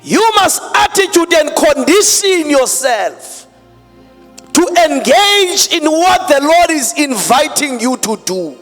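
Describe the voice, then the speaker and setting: A man preaches into a pulpit microphone in a strikingly high, lively voice. He stretches his words out slowly and leans hard on key phrases. His voice rings with a long church-hall reverb over faint music. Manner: emphatic, drawn-out preaching with mixed-in Xhosa words. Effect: speaking into a pulpit microphone. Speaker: pastor. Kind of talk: sermon.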